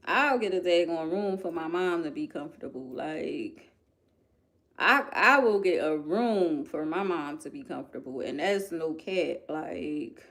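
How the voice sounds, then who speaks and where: A woman with a Philadelphia accent chatting casually to her viewers, animated and emphatic, repeating lines for effect. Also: sits low, slow pace. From United States. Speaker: vlogger. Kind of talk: casual chat to camera.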